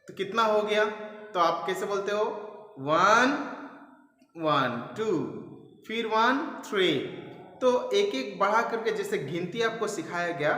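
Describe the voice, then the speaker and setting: A man teaches a lesson step by step, asking questions and answering them himself and spelling words letter by letter. His voice sits high and bright. A long reverb trails behind him in an echoey room. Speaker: English teacher. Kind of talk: classroom lesson explaining step by step.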